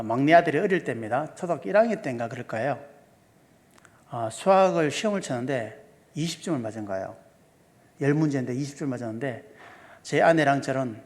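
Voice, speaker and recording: A male pastor giving a seminar sermon, asking the congregation questions and walking through sums step by step. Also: mid-range voice. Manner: asks the congregation many questions. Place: church sanctuary. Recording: long hall reverb.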